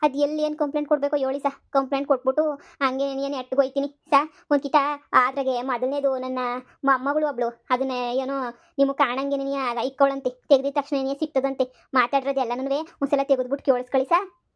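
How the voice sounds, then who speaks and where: A woman puts on a shrill, fast-talking old village granny from for a cartoon comedy. The granny wails and pleads and tags "sir" onto almost every phrase. She is scheming and theatrical, and she plays up her misery with great energy. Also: flat delivery, dull audio, lightly acted. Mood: wailing. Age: over 60 (figure). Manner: wailing, pleading, repeats "sir" constantly. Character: elderly grandmother, scheming and melodramatic. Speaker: complainant at a police station.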